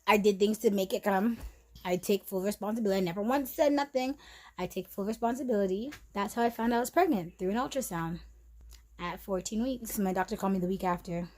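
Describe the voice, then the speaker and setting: A woman's voice: medium pitch, fast talker, low-quality recording. A young woman vlogging candidly about a hard stretch, repeating herself and near tears at times. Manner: many fillers and restarts, drifting soft and quiet. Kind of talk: emotional personal story vlog.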